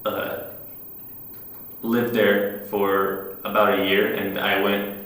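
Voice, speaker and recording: Teen guy from Iraq, low voice, hesitant, very echoey room, heard from a distance. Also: level tone, slow pace, fairly bright tone. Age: teens. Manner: hesitant, many restarts and light laughs. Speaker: interviewee. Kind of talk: casual oral history interview. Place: university hall room.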